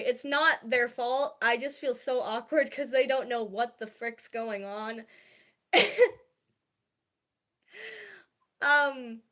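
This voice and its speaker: A young woman livestreaming, talking casually and hesitantly about her feelings, with many fillers and restarts. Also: fairly high pitch. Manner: confiding and soft-spoken about feelings.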